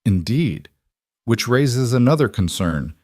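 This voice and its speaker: A man voicing a snobbish, condescending male restaurant host in a pompous, drawn-out manner. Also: mid-range voice, sing-song, darkish tone, no echo, clean studio sound, voice pushed up. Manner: pompous, drawn-out sneering delivery.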